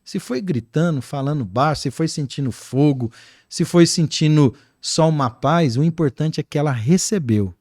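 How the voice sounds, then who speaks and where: A man with a Brazilian accent, a guest pastor talking in an animated, preaching-like way on a podcast. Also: a little high, normal speed, no echo, studio quality. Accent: Brazilian Portuguese. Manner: animated, acts out quoted voices.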